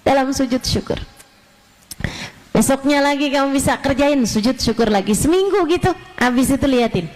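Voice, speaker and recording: A woman's voice: high-pitched, fairly quick, rough recording. A woman giving a religious lecture as a preacher, animatedly acting out the complaints of her listeners. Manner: animated, acts out congregants' complaints.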